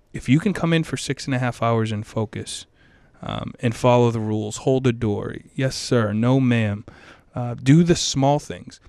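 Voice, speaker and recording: A middle-aged man, speaking as a high school administrator in an interview, energetic and passionate, often repeating himself. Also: no room sound. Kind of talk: interview answers.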